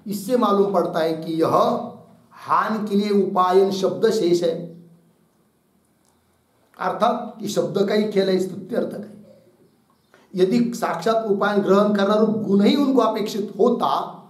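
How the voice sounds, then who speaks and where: A male teacher explaining a Sanskrit text, putting questions to the class, answering them himself, and dictating notes phrase by phrase. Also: sits high. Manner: dictates slowly, repeating each phrase. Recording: echoey room.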